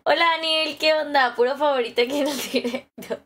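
A young Mexican woman with a high, light voice hosts a relaxed live stream. She chats casually and greets each viewer by name, often breaking into easy laughter. She speaks close to her phone camera, indoors at home. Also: brisk, slight background noise. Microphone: phone camera held close.

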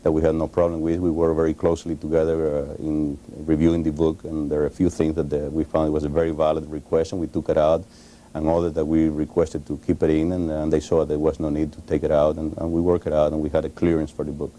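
Very deep-voiced Cuban man, halting. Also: completely flat delivery, dark tone. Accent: Cuban Spanish. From Cuba. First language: Spanish. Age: 40s. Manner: halting, frequent uh pauses and restarts. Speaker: interview guest, author. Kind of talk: televised studio interview. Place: TV studio. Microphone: lapel.

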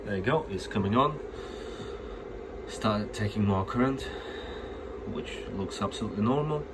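Stuffed up with a cold, a low-voiced male phone repair tech talks through a bench test plainly at normal speed, in a casual hands-on demo at his indoor workbench. He explains with a few restarts, recorded on a phone camera held over the bench amid audible room noise.

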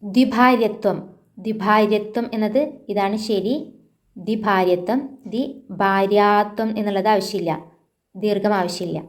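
A woman with a Malayali accent teaching an exam-prep language lesson, repeating each word slowly to correct it and adding casual asides to viewers. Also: mid-range voice, fairly even intonation.

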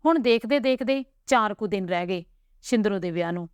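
Woman reading a story episode, steady calm pace, crisp smooth voice, no room echo. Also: medium pitch, fairly quick, clean studio sound. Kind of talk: scripted story narration.

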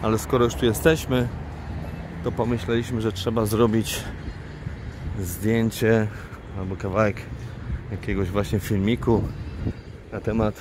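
A man narrates his travel vlog from a city park beside a lake, speaking slowly in a lowish voice. His delivery is flat and unenthusiastic, with a dry sense of humor. The camera's own mic records him outdoors, with clear traffic and boat noise underneath. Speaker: travel vlogger and guide. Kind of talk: casual vlog commentary while filming. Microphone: handheld camera mic, speaker off screen.

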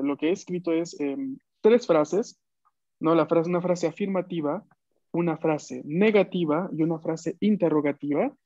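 A man's voice: on the high side, darkish tone. Patient male teacher on a video call. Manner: patient, repeats phrases for students to echo. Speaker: language teacher. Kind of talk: online class teaching. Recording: dull dry video-call audio.

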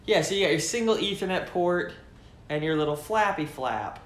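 Young man, casual unboxing talk, enthusiastic and chatty, slightly high voice, echoey living room, faint background noise. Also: animated, normal speed. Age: young adult. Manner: enthusiastic, chatty, thinks aloud while handling gear. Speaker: tech vlogger. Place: living room, seated on a leather couch.

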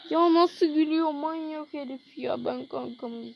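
A woman's voice: high-pitched, measured pace, creaky, highs cut off, slight background noise. Exasperated young woman complaining through gameplay. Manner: frustrated, swearing and pleading with the game. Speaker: gamer. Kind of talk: casual gameplay commentary.

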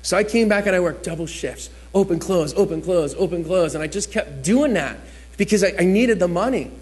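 A man's voice: high voice, expressive, brisk, darkish tone. A man from New Jersey preaching a sermon as a chatty personal story, acting out the people he quotes.

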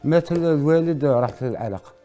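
A man's voice: on the high side, fast, warm tone, faint music behind. A middle-aged man with an Algerian accent, a talk show guest recounting a personal grievance in clipped, repetitive, stumbling phrases. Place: TV studio.

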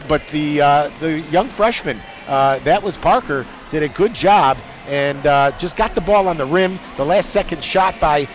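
A man giving chatty color commentary over game highlights. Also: noisy background.

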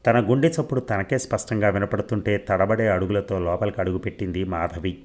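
A man reads a serialized novel in a steady, even storytelling voice that's low and deep, well suited to a long audiobook. His pace is brisk.

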